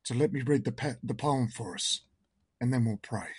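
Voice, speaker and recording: Leading an online worship service, a man reads a hymn and prays slowly, earnestly and reverently. His mid-range voice is hoarse and croaky, and there's no echo.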